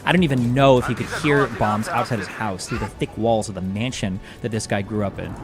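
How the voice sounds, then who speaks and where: Streamer, male, low register, sarcastic and swearing, rambling, loud music underneath. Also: brisk. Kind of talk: casual stream chat reacting to clips.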